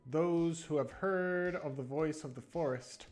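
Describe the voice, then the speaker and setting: A man with a fairly high, darkish voice hosts a livestream at a slightly slow pace, chatting casually with viewers over background music. His talk rambles and stops and starts. He uses a new close microphone and no webcam.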